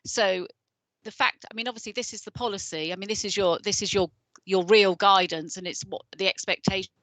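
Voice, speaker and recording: A woman's voice: mid-range voice, steady tone, brisk, a bit bright, no echo, low-quality recording. A woman officer explaining licensing policy on a video call, hesitant with many restarts and fillers. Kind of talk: explaining policy in an online meeting.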